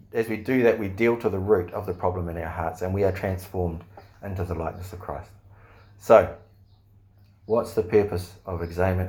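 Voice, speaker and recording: A man preaching a sermon in an earnest way, asking the listeners questions and often pausing on fillers. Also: low-pitched, a little mellow. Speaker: pastor.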